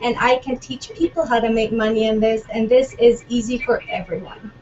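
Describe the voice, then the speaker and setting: A nervous stay-at-home mom from Canada, a guest on a video call, talking fast. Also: female voice, on the high side, fairly even intonation, darkish tone. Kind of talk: casual video call chat. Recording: distant muffled web call with faint noise.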